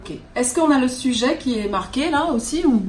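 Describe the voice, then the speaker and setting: With an animated, high voice and a moderate pace, a woman leads her French class patiently, frequently making sure students are with her. The recording comes from a distance in a roomy classroom, with slight background noise.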